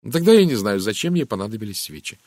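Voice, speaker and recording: Man doing a puzzled young wife, hesitant, lively pitch, dry close sound, audiobook. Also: fast talker, dry recording. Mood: recalling.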